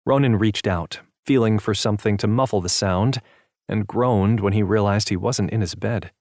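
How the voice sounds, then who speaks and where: A man narrating a romance audiobook in a steady, even storytelling manner. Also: lowish voice, moderate pace, dry recording, studio quality. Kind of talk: scripted narration.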